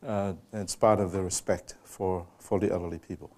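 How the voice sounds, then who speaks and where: A man gives an unhurried public lecture in a room with a live audience. His voice sits fairly low and has a warm, mellow tone. He turns to the listeners now and then with direct questions. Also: steady tone. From Samoa. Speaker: guest lecturer.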